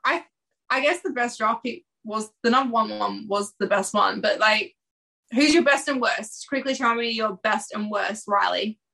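A woman hosts a casual basketball podcast. Her voice is bright and forward, and she talks in a loose, emotional way, full of "like" and quick asides. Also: a little high, creaky, rough recording. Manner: chatty and emotional, filler-heavy. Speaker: podcast host. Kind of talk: casual sports podcast chat.

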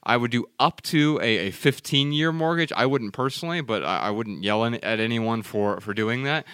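A man's voice: medium pitch, normal speed, a bit bright, clear, resonant tone, no echo. Sex: man. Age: 30s. Role: podcast co-host. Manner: emphatic, lecturing. Sound: dry, close mic. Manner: emphatic and lecturing, with repeated words. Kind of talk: casual podcast talk.

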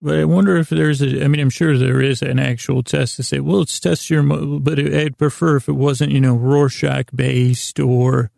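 On a sleep podcast, an American man with a breathy, creaky, mid-range voice gives a whimsical bedtime monologue that wanders and halts, full of stammers and interruptions of himself. His tone is steady and somewhat dark. The recording is dry and of studio quality.

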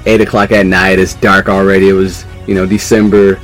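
A man from New York, a podcast guest, telling a story in a casual, animated way, laughing as he goes. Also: sits low, brisk, faint music behind. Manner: animated, acts out quoted voices, laughs mid-story.

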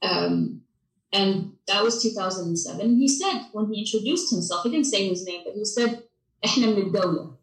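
A woman from Mosul, giving personal testimony in a soft, hesitant way with frequent restarts. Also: mid-range voice, lively intonation, normal speed. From Mosul, Iraq. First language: Arabic. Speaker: interviewee, witness. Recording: roomy, distant mic.

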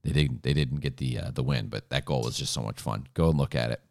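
A man's voice: extremely low pitch, fast talker, gravelly, darkish tone. A man co-hosting a sports podcast, chatting casually and teasing his co-host in an easygoing way.

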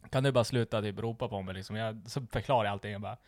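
A man's voice: on the low side, fairly even intonation, darkish tone, no echo, studio quality. A man telling a work story in casual chat, swearing freely and acting out what people said. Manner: swears a lot, acts out quoted dialogue.

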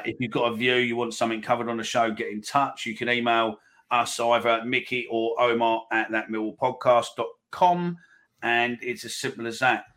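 Man, football podcast host, mid-pitched, casual and sweary. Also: a bit bright. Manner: blunt, sweary.

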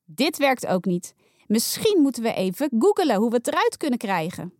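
A woman's voice: on the high side, big pitch swings, normal speed, a little mellow, no room sound, studio quality. A woman voicing a firm, weary mother who speaks sternly but patiently. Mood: concerned.

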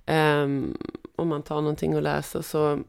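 A middle-aged woman from Skåne with a Scanian Swedish accent, chatting as a podcast guest and telling anecdotes in a lively way. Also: deep voice, gravelly, clear, resonant tone. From Skåne, Sweden. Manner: lively storyteller, mimics voices in anecdotes. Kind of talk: casual chat.

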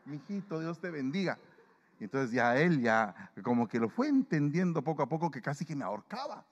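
A male pastor preaching to his congregation and leading communion, lively and acting out the voices of people he quotes. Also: medium pitch, fairly quick, long reverb tail, muffled recording, a little hiss or hum. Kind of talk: sermon and communion prayer. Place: church.

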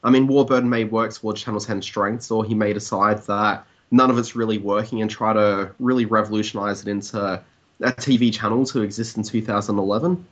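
Fast-talking low-voiced Australian man. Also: steady tone, highs cut off. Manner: conversational, opinionated, hedging with "I mean". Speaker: TV industry commentator, blogger. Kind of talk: casual discussion.

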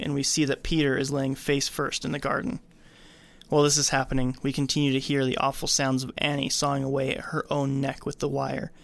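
A film podcast co-host moves between narrated scene readings and casual discussion in a mid-range, gravelly voice. The recording has no room sound, though faint background room noise is noted.

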